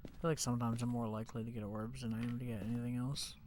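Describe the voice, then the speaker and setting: Young male streamer, stuffy-nosed, chatty, mid pitch, faint noise. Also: flat delivery, rapid-fire. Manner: chatty, rambling, many fillers like "like" and "you know". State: stuffed up, congested. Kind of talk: casual live-stream chat while gaming.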